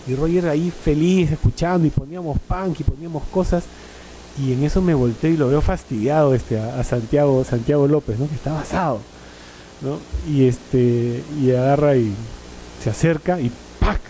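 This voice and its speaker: Man, middle-aged, very dark mellow voice, slightly high pitch, rambling anecdotes, filler-heavy panel talk. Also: normal speed, slight background noise, low-quality recording. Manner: rambling storyteller, frequent "¿no?" and "este" fillers. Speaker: panel speaker.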